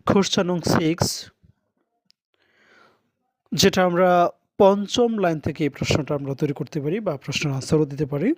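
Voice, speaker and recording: Slow, patient teacher, dry close sound. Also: male voice, on the high side, dry recording. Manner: reads English lines slowly, then translates into Bengali. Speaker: English teacher. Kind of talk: recorded lesson.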